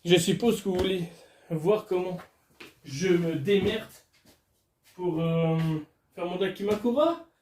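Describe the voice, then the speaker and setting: A man's voice: high-pitched, takes it slowly, pauses often, darkish tone, echoey room, slight background noise. A man alone at home, chatting casually and crudely to his camera while unboxing. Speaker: vlogger. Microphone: camera filming him.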